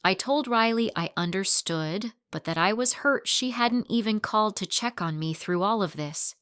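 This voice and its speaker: A woman reading a first-person story aloud in plain, steady storytelling. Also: medium pitch, normal speed, smooth, no echo, clean studio sound. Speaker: narrator.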